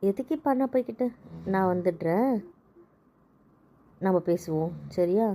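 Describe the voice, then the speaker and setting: A cheeky young wife who talks back and sighs with exasperation , as a woman acts her. Her tone is mellow and warm. It is an amateur audio drama. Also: medium pitch, lively intonation, a little slow, slight background noise, close to an everyday voice.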